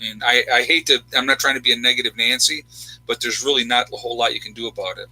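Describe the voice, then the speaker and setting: An army veteran in his fifties from upstate New York hosts his channel, chatting casually but bluntly and emphatically with viewers. His medium-pitched voice is steady, fast and sharp, captured with no echo but a rough recording quality.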